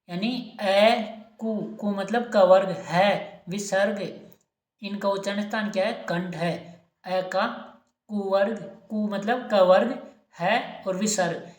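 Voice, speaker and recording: A woman teaching an exam-prep lesson, asking questions and answering them herself, repeating each key term. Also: mid-range voice. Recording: echoey room.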